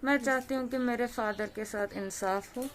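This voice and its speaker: A woman with a Kashmiri accent, the victim's daughter, giving a slow, pleading eyewitness account. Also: on the high side, slight background noise. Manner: slow, pleading, rising to forceful demands for justice.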